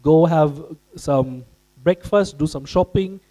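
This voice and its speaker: A man's voice: on the high side, slow, warm tone, low-quality recording. A man from Austria giving a presentation to students at a career event, speaking directly to his audience and putting questions to them.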